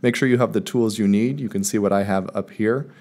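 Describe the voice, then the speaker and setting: A man calmly walking viewers step by step through a screen-recorded software tutorial, in voice-over. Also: on the low side, a little fast. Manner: calm step-by-step explaining. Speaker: math teacher presenting a tutorial. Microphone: voice-over recorded over screen capture.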